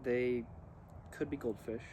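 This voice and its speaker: A man with a mellow voice reads poetry aloud at a very slow pace, pausing between short phrases and drifting into casual asides. He is smoking as he talks, and there is faint ambient noise behind him. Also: medium pitch, steady tone. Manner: deliberate, halting, broken into short phrases; smoking a cigar while talking. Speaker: vlogger reading poems aloud.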